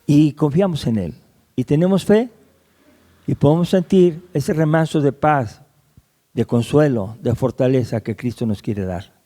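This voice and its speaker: Slow, dark-voiced pastor preaching. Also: male voice. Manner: preaching with rhetorical questions to the congregation; emphatic pitch rises on key words. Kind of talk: sermon.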